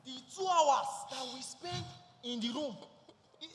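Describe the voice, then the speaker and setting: A Nigerian man acting as a stubborn husband who insists loudly on tradition. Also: very high-pitched, a little slow, soft background music. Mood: angry. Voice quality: insistent, loud and blustering. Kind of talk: stage drama acting. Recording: hall reverb.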